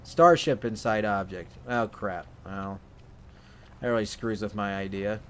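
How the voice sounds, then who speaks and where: A man casually commenting while he plays a video game, thinking out loud and often correcting himself. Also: on the low side, unhurried, slight background noise. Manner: rambling, self-correcting, thinking aloud. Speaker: let's play host.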